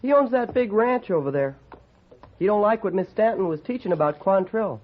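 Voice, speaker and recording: In a muffled vintage recording of an old-time radio western, an actor voices a child character: an earnest, plain-spoken country boy with a rural American accent, simple, folksy and matter-of-fact. The man's voice sits high and animated at a moderate pace, with a little hiss or hum.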